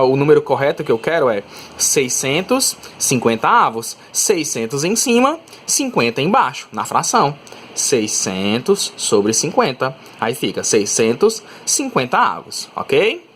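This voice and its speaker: A man's voice: mid-range voice, fairly bright tone, a little hiss or hum. A male teacher with a Brazilian Portuguese accent, giving a recorded math lesson and often checking in with students. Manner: explanatory, checks in with "tá?" and "né?", stretches out examples.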